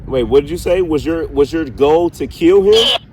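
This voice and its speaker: A man's voice: on the high side, expressive, a little mellow. Man questioning a spirit, with background noise. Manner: deliberate, pausing, addresses an unseen spirit directly. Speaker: paranormal investigator, host. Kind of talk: slow spoken questioning in a spirit box session.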